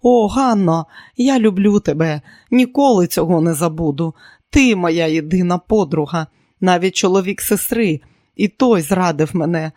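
Man voicing a high-strung young showgirl, gushing, lifted, dry read. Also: moderate pace, a little mellow, dry recording, natural voice. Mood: emotional. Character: impulsive excitable young woman, a chorus dancer.

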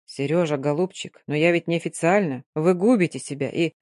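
A woman voicing a calm, fatherly middle-aged colonel who speaks quietly and in a measured way, in an audiobook. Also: fairly high pitch, no room sound, clean studio sound, lightly acted. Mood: stern. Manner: quiet, half-voiced, measured.

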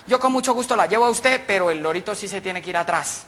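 A sly, smarmy truck driver, voiced by a man telling a joke. He speaks low and hushed, almost murmuring, with a bright edge to his tone. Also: lively intonation, quick pace, big-room sound. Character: sly middle-aged male truck driver.

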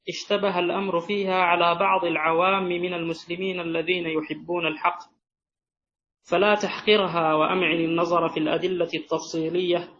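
Male reader, fairly high voice, even and deferential recitation, slightly muffled. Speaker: student reading the text aloud. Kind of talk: reading a classical text aloud. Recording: dull sound with faint hiss.

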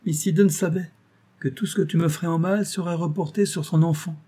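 A man's voice: on the high side, fairly even intonation, brisk, mellow, husky, voice pushed up. A man voicing a gloating, cruel master criminal in an audiobook, taunting and menacing. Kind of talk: audiobook reading.

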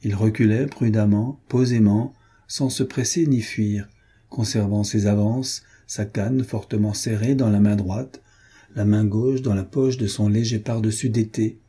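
A man narrating a classic novel in a measured, steady audiobook reading. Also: fairly low pitch, husky.

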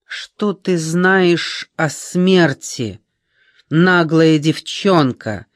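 A man's voice: high-pitched, very animated, takes it slowly, no room sound, studio quality, exaggerated voice. A man reading an audiobook, voicing a frightened, angry old woman with scornful, indignant outbursts. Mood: furious.

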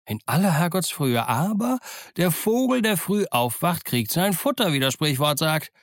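A man's voice: very animated, normal speed, no echo, clean studio sound. A man doing a chirpy crafty old pirate cook. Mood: jovial. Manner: cheery, chattering, high and bright. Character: jovial crafty one-legged old male pirate cook.

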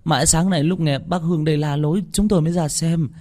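A man's voice: on the low side, sing-song, a little fast, mellow, breathy edge. A man voicing an anxious villager who speaks urgently. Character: anxious villager urging the healer.

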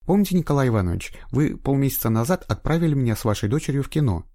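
A man's voice: mid-range voice, sing-song, racing, warm tone, dry recording, clean studio sound, voice pushed up. A man voicing an eager young female trainee investigator in an audiobook, with a raised, insistent voice. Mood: earnest. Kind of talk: audiobook reading.

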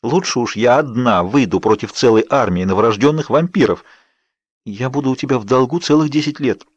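A man's voice: mid-range voice, a little fast, no room sound, lightly acted. A man voicing an exasperated, stubborn young woman in an audiobook, protesting and grumbling. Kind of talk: audiobook character voice.

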